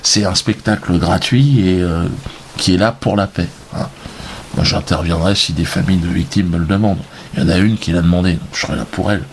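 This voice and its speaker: A man delivering a rambling, deadpan comedic monologue to viewers in a halting way. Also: sits low, faint music behind. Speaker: comedian presenting his own video. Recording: steady background noise, clicks.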